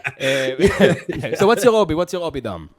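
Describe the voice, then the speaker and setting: An Israeli man with an Israeli accent, chatting excitedly and effusively in broken English as a street interviewer. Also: on the high side, normal speed, a loud crowd. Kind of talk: casual street chat.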